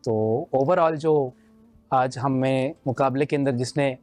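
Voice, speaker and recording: A man's voice: medium pitch, steady tone, a little mellow, soft background music. A man judging a naat recitation contest, explaining in a teacherly way with simple everyday examples. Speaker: naat competition judge. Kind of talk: judging feedback.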